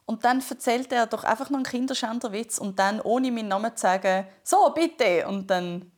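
Fast-talking woman telling stories. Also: fairly high pitch. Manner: fast, animated storytelling. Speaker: podcast co-host, comedian. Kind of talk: casual storytelling. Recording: phone call.

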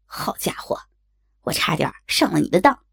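A woman voicing a cheeky, teasing young man, lowering her voice for him. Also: very animated, normal speed, vocal fry, fairly bright tone, husky, heavily acted. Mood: playful. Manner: grins and jokes, lowered voice.

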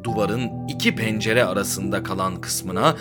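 A man's voice: lowish voice, unhurried, music in the background. A man hosting a podcast, reading a story aloud dramatically and acting out the characters' lines. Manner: expressive, voices characters' lines. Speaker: podcast host and reader.

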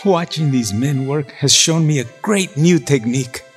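An actor playing a kindly, earnest shoemaker in a children's radio drama. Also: male voice, on the high side, normal speed, soft background music, natural voice. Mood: admiring. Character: warm-hearted old-world shoemaker.

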